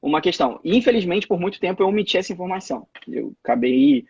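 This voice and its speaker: Very animated and fast, this young Brazilian man in his twenties tells stories as a casual interview guest on a live video call, restarting and repeating words often. His high-pitched voice is gravelly, a little mellow, and breathy. The phone or laptop mic yields a dry recording with the highs cut off.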